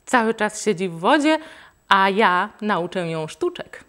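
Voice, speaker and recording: A woman's voice: medium pitch, big pitch swings, a little slow, a bit bright. A woman reading aloud and voicing an eager little boy pleading for his pet in a storybook.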